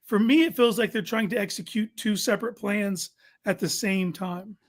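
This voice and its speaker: A man's voice: sits high, moderate pace. A man hosting a casual sports talk show, making his points informally and emphatically, repeating them for stress.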